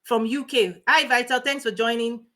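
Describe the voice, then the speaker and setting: Woman, life coach, livestream host, motivational teaching, fast, emphatic, repetitive, bright voice. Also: fairly high pitch, fairly even intonation. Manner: emphatic and repetitive, greeting viewers; speaking fast.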